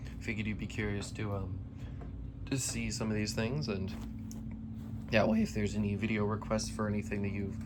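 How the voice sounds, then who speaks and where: In his basement collection room, a young ceiling fan collector gives a casual vlog update, chatting eagerly but rambling and restarting his sentences. His voice is lowish, tired and a bit worn, with background noise in the recording.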